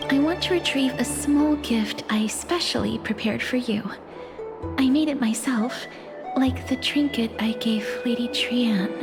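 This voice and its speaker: A woman with a high-pitched voice performs dramatic monologue and dialogue for an English-language video game, over game music. Her character is a gentle, melancholy young woman touched by death and resigned to her fate. The delivery is soft, breathy, solemn, and formally measured, with a gentle, earnest mood.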